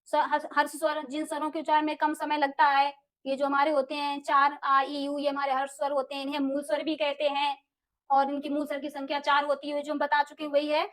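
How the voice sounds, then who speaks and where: Young woman teacher w/ a high voice, says the vowel sounds out slow, keeps calling ppl friends. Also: monotone, fairly bright tone. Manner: repeats key terms, sounds out vowels slowly; addresses viewers as friends, asks and answers own questions. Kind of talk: exam-prep Hindi lesson.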